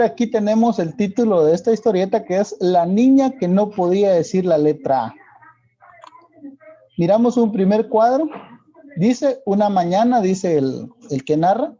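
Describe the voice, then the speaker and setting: A male teacher with a Guatemalan Spanish accent, explaining a lesson slowly and checking in with rhetorical questions. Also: high-pitched, warm tone, highs cut off. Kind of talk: classroom lesson for video.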